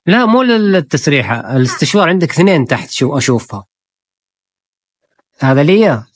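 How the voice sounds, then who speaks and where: A woman's voice: sits low, sing-song, a little fast, no room sound. A woman filming a casual family vlog, coaxing the children along with playful, admiring exclamations.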